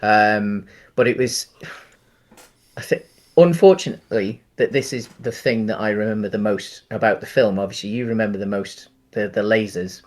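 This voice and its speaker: Here a late-30s podcast co-host who reviews films speaks at normal speed with a lowish voice. His talk is casual chat, hesitant and rambling as he works through his thoughts out loud.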